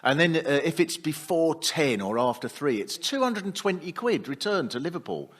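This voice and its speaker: A man's voice: on the high side, very animated, moderate pace. A man on a comedy panel, ranting in an exasperated, mocking way. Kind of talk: comic riffing.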